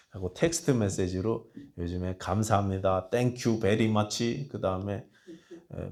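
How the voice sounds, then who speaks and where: A low-voiced male pastor delivers a sermon. He tells stories in an easy, conversational tone. He drops to a near whisper for tender lines and rises sharply when he appeals to the congregation. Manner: storytelling, dropping to a hushed voice for tender quotes and rising to loud appeals.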